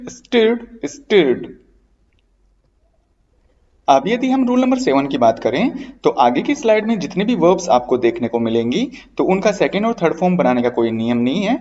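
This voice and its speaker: A man's voice: fairly high pitch, darkish tone. A man teaching a grammar lesson, chanting word forms in a rhythmic sing-song and addressing students fondly. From India. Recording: dull audio from a distance.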